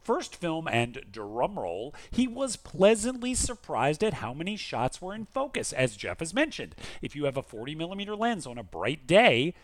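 A podcast co-host reads listener mail and chats in a theatrical, emphatic, jokey manner, keeping the tone lively and casual. His voice is on the high side and very animated, moving at a moderate pace with few pauses. There's no echo.

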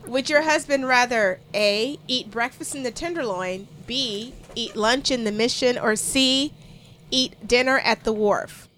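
A woman's voice: a little high, unhurried, fairly bright tone, slight background noise. A woman co-hosting a playful quiz game, reading out clues and laughing often. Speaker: game show co-host.

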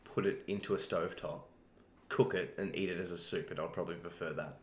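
A man's voice: deep voice, fairly even intonation, brisk, reverberant. A man co-hosting a casual chat, joking and repeating words as he starts sentences. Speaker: co-host.

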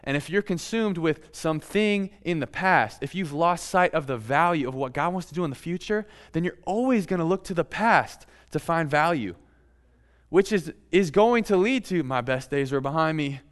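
A man preaching a sermon in a relaxed, conversational way, with playful asides to his congregation. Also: a little high, normal speed. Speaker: pastor.

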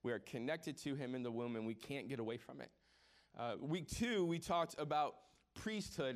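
A pastor in his forties delivers a sermon in a chatty style, joking with the congregation and often repeating words as he restarts. His voice runs a little high.

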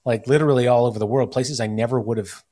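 A man's voice: medium pitch, steady tone, fast talker, warm tone. Rambling American man hosting a podcast. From United States. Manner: rambling, many "like" fillers and restarts. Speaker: podcast host. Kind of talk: casual chat.

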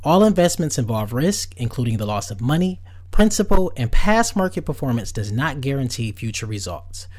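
A man with a husky voice reading out a formal legal disclaimer at a fast clip, as a podcast host. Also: mid-range voice, sing-song, darkish tone.

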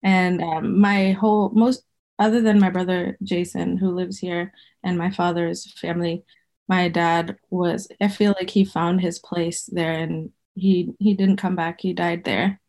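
A woman in her thirties, from Zimbabwe and raised in Botswana, appears as a podcast guest and folk herbalist in a casual interview. She talks loosely and ramblingly, often correcting herself and laughing. Her lowish, slightly mellow voice is flat and measured.

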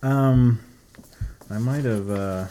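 A man's voice: mid-range voice, very slow, noisy background. A man hosting a podcast with his friends, talking loosely and joking, swearing now and then. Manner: loose and jokey, swears freely. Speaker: podcast host. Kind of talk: casual chat.

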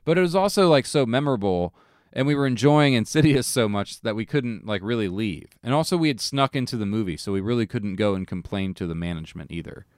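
A young man co-hosting a casual chat, telling animated stories full of fillers and swearing. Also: fairly low pitch, quick pace, clear, resonant tone, no room sound, clean studio sound. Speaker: podcast co-host.

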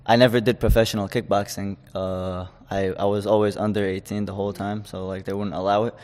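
A man's voice: fairly low pitch, flat delivery, a little fast, a little mellow, big-room sound. A man in his twenties from Chechnya, a fighter talking casually in an interview, rambling with many fillers and restarts. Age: 20s. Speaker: guest, amateur fighter.

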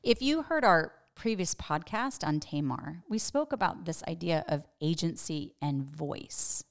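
An earnest middle-aged woman hosting a reflective devotional podcast. She speaks in a slightly low voice and asks her listeners probing questions. She presses her points home with emphasis. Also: very animated, a little slow. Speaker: podcast host and Bible teacher.

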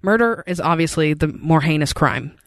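A man who works as a journalist, co-hosting a local news podcast and explaining stories casually with many pauses and ums. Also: on the high side, expressive, fairly bright tone, no echo, studio quality. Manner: hesitant, lots of ums, explanatory. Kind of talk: casual chat.

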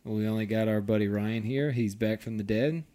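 A man hosting a casual podcast, animated and laughing often, swearing freely. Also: on the low side, normal speed. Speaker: podcast host.

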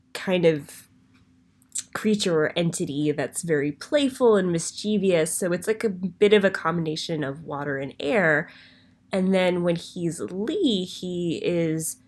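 Voicemail caller: woman with a low voice, over a phone line, thoughtful and rambling, lots of ums. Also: darkish tone. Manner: thoughtful, musing, with frequent ums and trailing phrases. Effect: heard over a phone line as a voicemail. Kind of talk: recorded listener voicemail.

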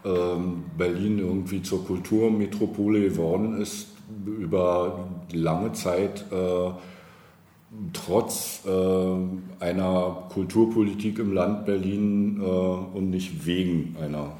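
A man interviewed as a politician speaks conversationally but hesitantly and wordily, searching for words. His voice is low, warm and steady at a slow pace. The recording is roomy and echoing, with background noise.

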